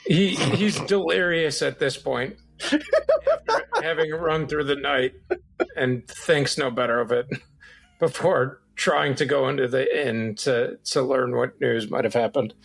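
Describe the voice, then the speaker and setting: A man playing a tabletop game, talking in halting bursts with stammered restarts. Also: medium pitch, creaky, fairly bright tone, husky, low-quality recording. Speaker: tabletop player.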